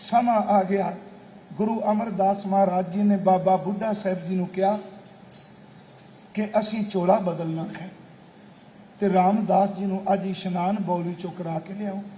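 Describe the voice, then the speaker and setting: A middle-aged man giving a devotional sermon as a Sikh preacher, slow, deliberate and emotive, now and then breaking into intoned recitation. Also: sits high, fairly even intonation, dark tone, dull audio, a little hiss or hum. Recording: echoey hall with long reverb.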